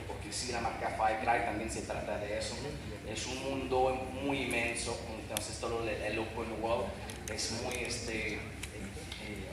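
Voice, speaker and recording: A man speaks Spanish with a foreign accent in a halting, informal presenting style, often repeating words. His voice booms through a very echoey hall, with clear noise around him. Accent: foreign, non-native Spanish. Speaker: game company presenter. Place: large event hall. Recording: very echoey hall PA, distant, noisy.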